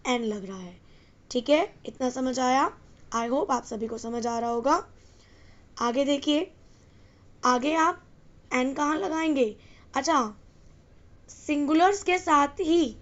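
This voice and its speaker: Woman grammar teacher, high voice, dull lo-fi recording, asks the class and answers herself. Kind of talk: exam-prep English grammar lesson.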